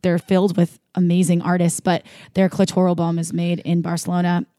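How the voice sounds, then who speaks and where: A woman's voice: fairly low pitch, monotone, a little fast, mellow, no room sound, clean studio sound. A woman co-hosting a casual podcast, chatting and rambling with plenty of fillers. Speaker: podcast co-host.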